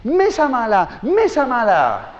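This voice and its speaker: A man voicing a doting mother in a shrill, fussing falsetto, with a Spain Spanish accent. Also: wildly swooping pitch, slow, heavily acted. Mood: fretting. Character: fretful doting mother, woman. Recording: dull sound in an echoing hall.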